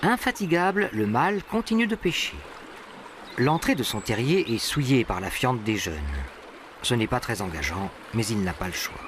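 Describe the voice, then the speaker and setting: A man's voice: mid-range voice, lively intonation, moderate pace, background noise. A man reading scripted narration for a nature documentary. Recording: animal and bird sounds behind. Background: birdsong and natural ambience.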